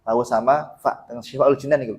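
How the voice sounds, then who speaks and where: A man with a Javanese accent teaching Quran recitation in a mosque, correcting pronunciation and chanting verses slowly for others to repeat. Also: mid-range voice, steady tone, darkish tone.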